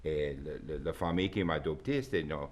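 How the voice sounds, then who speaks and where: A man from Louisiana. He answers in a plain, halting way, restarting his sentences often. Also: very deep voice. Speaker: guest. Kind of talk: casual conversational interview.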